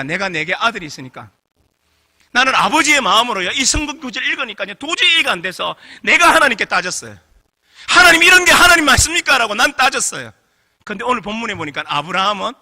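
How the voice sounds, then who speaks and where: A middle-aged male pastor preaching a revival sermon, questioning the congregation and getting them to answer back. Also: high-pitched. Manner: animated preaching with call-and-response questions to the congregation. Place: church sanctuary. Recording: long hall reverb.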